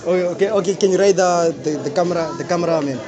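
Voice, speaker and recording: A man's voice: high voice, lo-fi sound. A young man with a South African accent, interviewing people on a street at night. He talks with a handheld mic, is playful and says "okay, okay" over and over. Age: young adult. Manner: fast, repeats "okay, okay" often, playful. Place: busy street at night, outdoors. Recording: street crowd noise behind.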